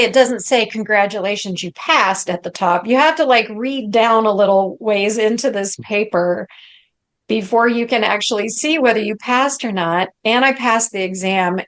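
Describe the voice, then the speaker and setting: A middle-aged woman, a guest coach, telling a story in a conversational interview, her voice rising high as she relives moments. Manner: animated, rises high when reliving moments.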